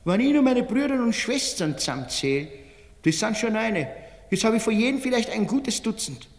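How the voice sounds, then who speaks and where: A man's voice: high-pitched, sing-song, normal speed. A man as petty Viennese women bickering, echoing hall. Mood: needling, boastful. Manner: colloquial, needling. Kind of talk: theatrical literary reading of dialogue. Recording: reverberant hall, 1970 radio recording.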